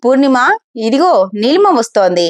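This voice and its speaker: A woman's voice: high-pitched, very animated, moderate pace, a little mellow, no room sound, clean studio sound. A woman voicing a guarded, protective mother. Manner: curt, keen to send visitors away.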